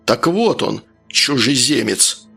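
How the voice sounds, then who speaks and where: A man voicing an angry, bullying village man who grumbles and shouts. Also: medium pitch, very animated, slow, vocal fry, slightly rough, faint music behind, exaggerated voice. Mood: grim. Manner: aggressive, grumbling, raised voice.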